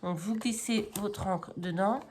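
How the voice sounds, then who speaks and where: Chatty, unhurried woman crafting vlogger. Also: medium pitch, noisy background. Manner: rambling, self-correcting, many fillers. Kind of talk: casual haul vlog.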